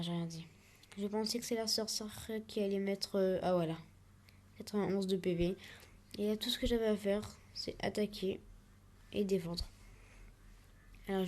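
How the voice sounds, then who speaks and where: Casual woman gamer, talks through each move live, mid-pitched, easygoing let's-play energy. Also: a little mellow. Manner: chatty, narrates each move as it happens. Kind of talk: live gameplay commentary.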